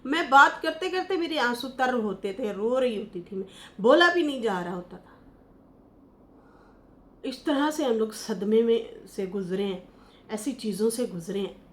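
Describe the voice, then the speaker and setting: A woman's voice: a little high, animated, measured pace. A woman from Pakistan hosting online gossip news, talking through a family scandal with emotion, scolding and retelling what others said. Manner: impassioned, scolding, recounts others' words.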